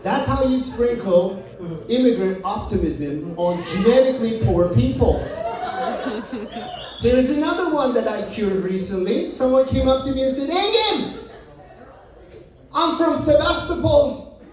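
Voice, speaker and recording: A man's voice: very high-pitched, animated, normal speed, mellow. A man from Turkey, performing a brash, profane stand-up set in a lounge. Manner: brash, profane, punchy delivery. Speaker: stand-up comedian. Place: lounge stage. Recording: echoey room from a distant mic.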